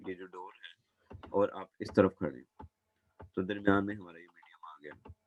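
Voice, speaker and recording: A man's voice: fairly low pitch, a little mellow, no room sound, highs cut off. A man teaching a physics lesson as a classroom lecture, patient and repeating points, calling his students "beta".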